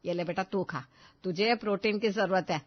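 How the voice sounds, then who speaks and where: A woman playing a sharp-tongued, bossy middle-aged mother-in-law in an audio drama, scolding one moment and sugary the next. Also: mid-range voice, normal speed, close to an everyday voice. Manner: scolding, then sugary sweet. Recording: slightly dull lo-fi recording.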